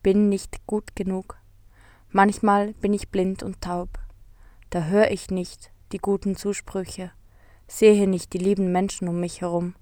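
Slow, gentle woman telling a story. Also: medium pitch, no room sound, studio quality. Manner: gentle, soft and reflective. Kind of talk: scripted story narration.

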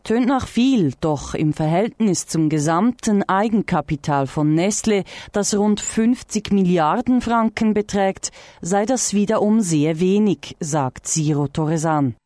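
A woman reading a scripted radio news report in a measured, clear way. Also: mid-range voice, expressive, warm tone, dry recording.

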